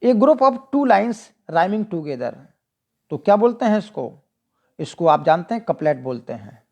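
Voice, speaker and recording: A teacher with an Indian accent explaining exam questions. The teacher reads each English question slowly, asks it back to the listener and then answers it. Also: medium pitch, very animated. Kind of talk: explaining multiple-choice questions.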